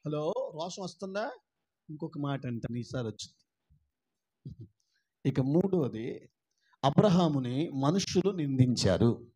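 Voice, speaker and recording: A male pastor with an Andhra Telugu accent, preaching a sermon. He swings from soft asides to loud, emphatic shouting and asks the congregation questions. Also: a little high, expressive, slow, pauses often, breathy edge. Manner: acts out mocking relatives in a raised voice.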